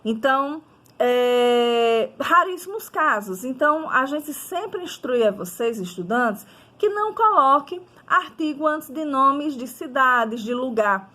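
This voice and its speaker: A woman's voice: high-pitched, a bit bright. A woman with a Brazilian Portuguese accent teaching a grammar lesson, methodically posing questions and answering them herself while checking in with her students. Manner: checks in with listeners often. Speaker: Spanish teacher.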